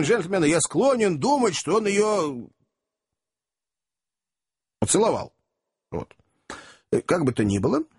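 A man telling a story in the first person as an expressive audiobook narrator, chatting as if to a room of gentlemen. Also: sits high, creaky, husky.

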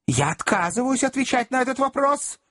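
A man reading aloud and voicing a dignified, indignant older gentleman who speaks formally and stiffly. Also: high voice, animated, normal speed, slightly rough, pitched above the performer's own voice.

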